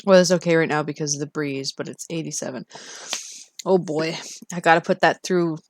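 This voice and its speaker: A woman's voice: low voice, fairly even intonation, a little fast, no echo, clean studio sound. A Canadian woman live streamer chatting casually with her viewers, often interrupting herself and reacting expressively.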